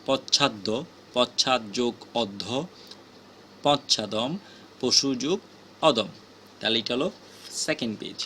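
A man teaching grammar from a list, reading each word and its parts slowly and steadily. His voice sits at an ordinary middle pitch. A faint background hiss runs under the recording. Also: pushed and bright. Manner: slow, measured drilling of word pairs.

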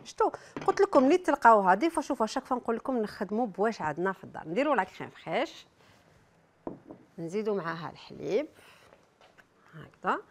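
Brief: Algerian woman, cooking show presenter, mid-pitched, fast, talks straight to her viewers. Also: sing-song. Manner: chatty, talks straight to viewers with frequent asides. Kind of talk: cooking demonstration.

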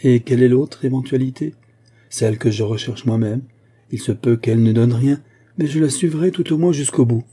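A man reading as a brilliant detective in an audiobook, crisp and emphatic with a dry irony. the voice stays very dark and husky, lifted a little in pitch for the part. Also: normal speed, lightly acted. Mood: assured. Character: brilliant, ironic male detective.

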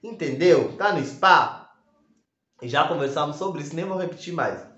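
A man giving an excited, campy gossip recap, switching into put-on voices. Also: fairly high pitch, unhurried. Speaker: gossip vlogger. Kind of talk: excited reality-show recap. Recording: echoey room, slightly dull sound.

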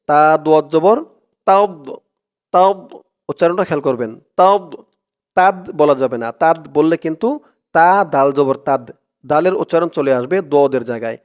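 A man with a Bangladeshi Bengali accent teaching Quran reading, spelling out letters and vowel marks one by one, then reciting each phrase slowly with long drawn-out vowels. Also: a little high, darkish tone. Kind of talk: step-by-step Arabic reading lesson.

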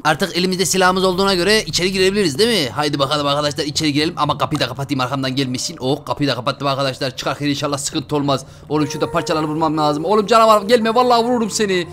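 A man narrating his gameplay to viewers in an excited let's-play style, exclaiming often. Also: fairly high pitch, racing, hardly any pauses. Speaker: gaming video host.

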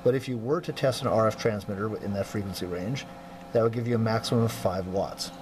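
At a workbench in an indoor workroom, a man methodically demonstrates electronics test equipment as an instructor, clearing his throat now and then. His voice is fairly low and a little fast, with background noise behind it.

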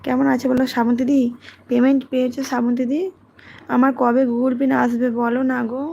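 A woman, hosting a casual livestream, reading comments and talking softly and quietly. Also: vocal fry, slight background noise. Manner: soft, low-volume talk, as her daughter is studying. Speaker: livestream host.

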